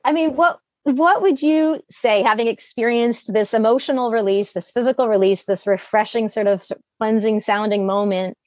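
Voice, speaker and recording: A woman interviewer asking reflective questions in measured, thoughtful phrasing. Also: fairly high pitch, a little mellow, dry recording. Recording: dry, slightly muffled recording.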